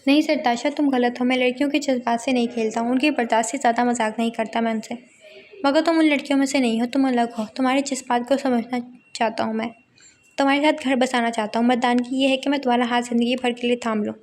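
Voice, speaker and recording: A woman's voice: a little high, steady tone, fast talker, slight background noise, close to an everyday voice. A woman reading the part of a brash young man at a university, teasing and domineering in a romance novel. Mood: teasing, insistent.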